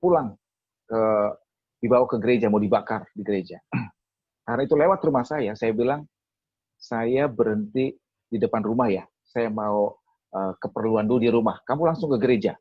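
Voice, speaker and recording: A man's voice: medium pitch, normal speed, pauses often, slightly rough, no room sound, lo-fi sound. A man telling a personal testimony at a webinar, acting out his own past words as he speaks. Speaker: speaker at a theology school webinar.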